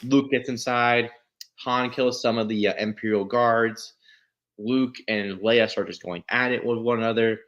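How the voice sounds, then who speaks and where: A man co-hosting a podcast, retelling a story in a rambling, excitable way, with frequent restarts and swearing. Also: mid-range voice, measured pace, lo-fi sound. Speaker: podcast co-host. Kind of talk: casual chat, retelling a story.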